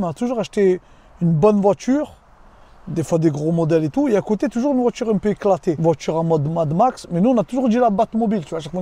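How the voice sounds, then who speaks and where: A man in his thirties telling a casual vlog story from inside his car, lively and slangy, talking straight to the viewer. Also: high-pitched, vocal fry, no echo. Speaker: vlogger.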